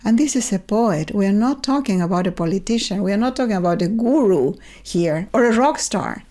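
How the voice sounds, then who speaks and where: An older Chilean woman, a native Spanish speaker with a Chilean accent, joins a reflective conversational interview over a remote video call. She tells her stories in a thoughtful, measured way with repeated restarts, in a mid-range, animated, mellow voice.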